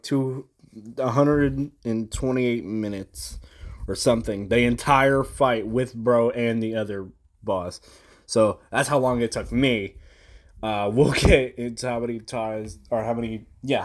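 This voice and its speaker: A young man casually recapping a frustrating game boss fight, rambling, slangy and full of swearing. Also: on the low side. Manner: slangy, profane, rambling with restarts. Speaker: gamer recounting a boss fight.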